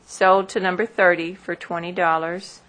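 A woman working as an auctioneer, formally reading out lot numbers and bids in a measured, repetitive, methodical way. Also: on the low side, little pitch movement, fairly bright tone.

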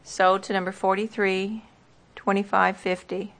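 A woman's voice: mid-range voice, little pitch movement, unhurried, fairly bright tone. A woman auctioneer formally reading out parcel numbers and bids at a tax sale in a plain, procedural way.

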